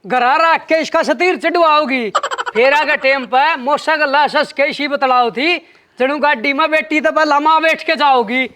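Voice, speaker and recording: A man's voice: very high voice, moderate pace, bright, forceful tone. A man with a Haryanvi accent playing a blunt, scheming brother-in-law who coaxes and threatens in a village comedy. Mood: exasperated. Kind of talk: village comedy sketch acting.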